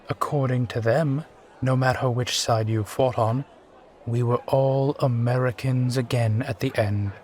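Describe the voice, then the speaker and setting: A man's voice: medium pitch, darkish tone, a little hiss or hum, natural voice. A man playing a brooding, charming steampunk sky pirate captain and war veteran, talking wistfully and courteously in an immersive roleplay audio. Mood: bitter, weary. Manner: wistful, courtly, rambling, given to sighs. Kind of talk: immersive one-sided roleplay audio acting.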